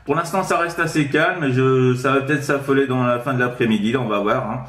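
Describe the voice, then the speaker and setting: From his sixth-floor flat at home, a male amateur radio operator chats casually on a contact, repeating himself and closing phrases with little tag words. His medium-pitched voice is brisk and fairly bright, and the room is reverberant.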